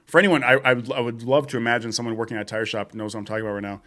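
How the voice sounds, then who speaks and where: A man's voice: mid-range voice, fairly even intonation, racing, bright, forceful tone. A young man co-hosting a podcast, telling job stories in casual chat, swearing often and laughing as he goes. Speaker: podcast co-host.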